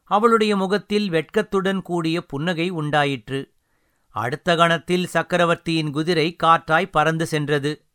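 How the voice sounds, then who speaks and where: Smooth-voiced male audiobook narrator. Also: on the high side, fairly bright tone, dry recording, studio quality. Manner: measured, storytelling. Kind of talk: scripted narration.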